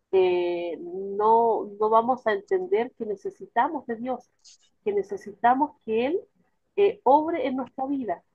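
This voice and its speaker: A woman's voice: a little high, breathy edge, no echo, narrow, tinny audio. A woman sharing her view in a church study group, speaking hesitantly with many fillers. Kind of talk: casual church group discussion.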